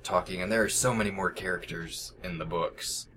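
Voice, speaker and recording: Low-voiced man chiming in over noise. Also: normal speed. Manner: attentive, chimes in with details. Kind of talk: casual chat among friends.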